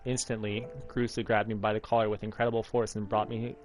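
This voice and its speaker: Reading aloud the narration of a visual novel, this thirtysomething streamer from Alaska, US, speaks fast in a level tone with a fairly low pitch. Game music can be faintly heard behind him.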